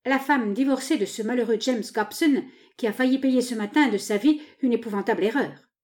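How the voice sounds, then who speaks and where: A woman's voice: fairly high pitch, brisk, darkish tone, pitched above the performer's own voice, close to an everyday voice. A woman reading aloud, voicing a shocked, indignant young American woman in an urgent, raised voice. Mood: firm.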